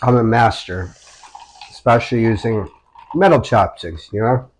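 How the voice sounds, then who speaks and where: Relaxed teasing man eating and chatting. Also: mid-range voice. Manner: relaxed, teasing, slow deliberate talk between bites. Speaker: husband and vlog co-host. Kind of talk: casual mukbang chat while eating.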